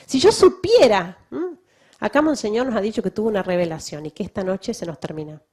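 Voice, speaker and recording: A woman's voice: mid-range voice, expressive, brisk, warm tone, husky. A woman missionary giving a testimony to a church audience, emphatic and full of rhetorical questions. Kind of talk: public talk to a church audience.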